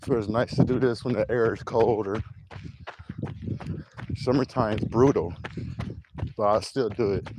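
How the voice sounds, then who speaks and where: A man with a fairly low voice talks in an easygoing, rambling way as he walks and jogs down an outdoor trail. He is recorded on a handheld phone video, and clear outdoor noise from wind and footsteps sits behind him. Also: a little slow, long pauses. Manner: relaxed, rambling, self-amused. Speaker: vlogger. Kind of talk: casual walking vlog. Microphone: handheld camera while walking and jogging.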